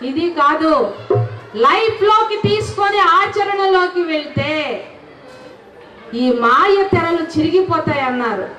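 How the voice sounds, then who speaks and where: High-voiced woman giving an earnest devotional talk. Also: unhurried, pauses often, pushed and bright, faint music behind. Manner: earnest, asks the listeners questions. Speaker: spiritual speaker. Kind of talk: devotional talk with sung verses. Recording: echoey, distant, dull hall recording.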